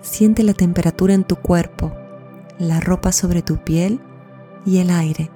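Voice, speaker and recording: A woman hosting a podcast and leading a guided mindfulness meditation in a soothing, gentle, unhurried way. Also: on the low side, fairly even intonation. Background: soft new-age music.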